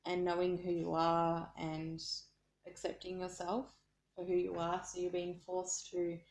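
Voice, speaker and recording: A woman with an Australian accent talks through a tarot reading in a low voice that stays flat and even. She sounds earnest and keeps searching for her words. The room around her is echoey. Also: measured pace, slight background noise. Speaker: tarot card reader. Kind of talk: casual spoken card reading.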